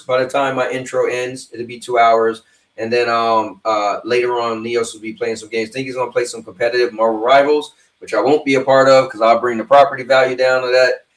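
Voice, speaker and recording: A livestream host of fifty chats loosely with his viewers, rambling as he addresses them directly. His mid-range voice has a fairly bright tone. He sits far from the mic, and the sound is roomy.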